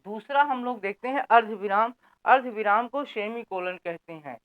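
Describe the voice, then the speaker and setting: A man explains grammar step by step, often pausing to check that his listeners are following and putting questions to the class that he then answers himself. His voice is smooth and clear. The sound is squeezed into a narrow, phone-like band. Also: sits high. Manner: repeats "theek na" checking in, asks and answers own questions. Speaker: Hindi grammar teacher. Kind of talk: explanatory lesson.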